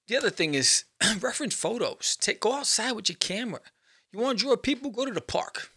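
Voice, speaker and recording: A man hosting his own show, giving casual advice to viewers in a playful, animated way and often checking in with "right?". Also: high-pitched, fairly quick, husky. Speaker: podcast host and comic artist. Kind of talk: casual solo talk to viewers.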